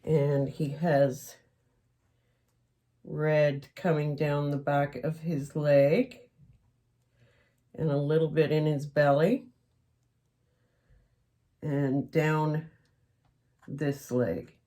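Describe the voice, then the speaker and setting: A woman's voice: low-pitched, little pitch movement, drawn-out words, long pauses, warm tone. A middle-aged woman from Canada chatting candidly while she works on a craft piece, rambling and a little emotional. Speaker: craft vlogger. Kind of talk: casual chat while crafting.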